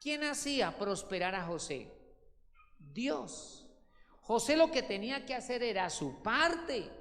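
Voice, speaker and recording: A man's voice: very high-pitched, sing-song, slow, fairly bright tone, big-room sound. A male pastor, preaching a sermon with emphatic swings of voice and calling listeners brothers. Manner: emphatic preaching, voice rising and falling widely.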